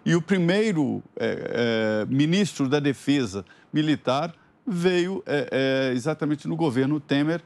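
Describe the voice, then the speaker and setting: A male commentator with a somewhat high voice. He explains at a steady pace and pauses often on fillers. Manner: measured, explanatory, hesitant fillers. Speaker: political commentator.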